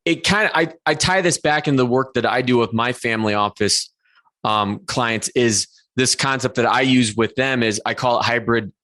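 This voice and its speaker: A man in his forties hosts a podcast conversation with a mid-pitched, ordinary voice. He talks earnestly and casually, often restarting his thoughts as he goes. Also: fairly bright tone. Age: 40s. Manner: earnest, self-correcting with frequent restarts. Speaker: podcast host. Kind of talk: conversational interview.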